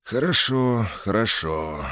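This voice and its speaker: A man's voice: on the low side, animated, slow pace, pushed and bright, no echo, studio quality, pitched above the performer's own voice, exaggerated voice. A man voicing a stern, commanding older boyar who heads his clan. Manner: commanding, menacing.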